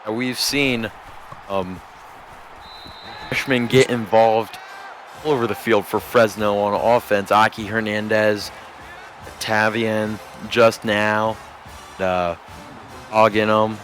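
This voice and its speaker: A man giving play-by-play commentary on a video game football stream, measured and steady, rising to shouts on big plays. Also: lowish voice, soft background music. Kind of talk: sports commentary.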